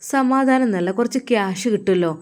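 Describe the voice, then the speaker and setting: A woman's voice: on the high side, a little fast, darkish tone, close to an everyday voice. A woman voicing a young wife from Malappuram who coaxes her husband in a wheedling, sing-song way. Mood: coaxing. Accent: Malappuram Malayalam.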